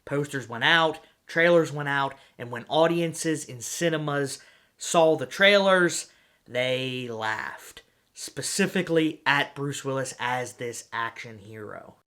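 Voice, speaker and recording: A man's voice: medium pitch, slow, bright, forceful tone. A man narrating a movie-trivia video in an upbeat, chatty way. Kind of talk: conversational film-trivia narration.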